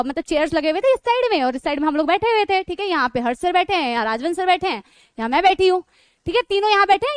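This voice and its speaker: A woman teacher telling her students a funny story in a chatty, animated way. She keeps checking in with them and laughs as she goes. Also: very high voice, no echo. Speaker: online teacher.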